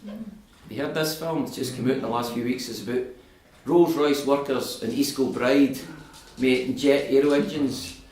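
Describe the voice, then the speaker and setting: This Scottish man in his fifties, a guest speaker, addresses a local audience in a community hall with a fervent political speech that rises to emphatic oratory. The room echoes, and his mid-range voice is a little mellow at a normal speed.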